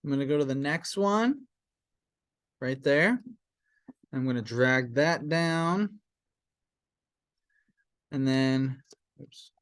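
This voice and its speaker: Slow-talking casual male teacher. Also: medium pitch, animated, no echo. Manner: casual, chuckling, hesitant fillers. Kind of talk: classroom software tutorial.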